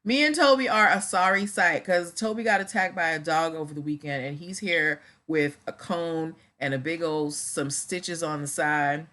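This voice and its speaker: Casting: female livestream host, slightly low voice, conversational with viewers, subdued and a touch sluggish as if recovering after surgery. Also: normal speed, hardly any pauses, bright, forceful tone. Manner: chatty, addresses viewers directly. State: on painkillers after surgery, a little slowed. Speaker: livestream host discussing trademarks. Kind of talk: casual livestream commentary.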